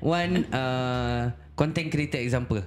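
A man in his thirties with a Singaporean Malay accent, co-hosting a podcast in a lively casual chat, often laughing and repeating words. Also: mid-range voice, unhurried, a loud crowd. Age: 30s. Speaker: podcast co-host. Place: small podcast studio with couches. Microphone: handheld mic and headphones.

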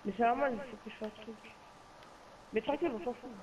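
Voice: mid-range voice, fast, lo-fi sound, crowd noise. A young gamer bantering and teasing in French suburban street slang over a poor game-chat microphone. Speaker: video game player. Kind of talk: casual gaming banter. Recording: noisy poor voice-chat microphone, voices behind.

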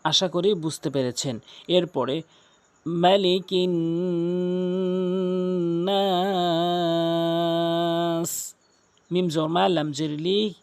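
A man with a Bangladeshi Bengali accent teaching recitation in a fairly high voice. He speaks with firm emphasis, then slows down to repeat single sounds again and again for the listener to copy. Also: gravelly. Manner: emphatic, repeats sounds slowly for practice, stretches recited words. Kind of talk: spoken lesson with demonstrated recitation.

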